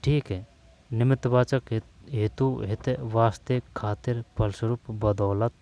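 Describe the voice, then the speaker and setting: A man's voice: medium pitch, fairly even intonation, dark tone. A man teaching a Hindi grammar lesson, listing words and repeating them so students memorize them, calling listeners brother. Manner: slow, repeating terms to drill them, addresses students as brother.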